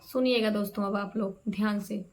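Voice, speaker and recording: A woman's voice: mid-range voice, steady tone, fairly quick, a little mellow, slight background noise. A woman hosting a vlog, giving casual gossip commentary in a chatty way and checking in with her viewers. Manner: chatty, keeps saying "okay" to viewers. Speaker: vlog host.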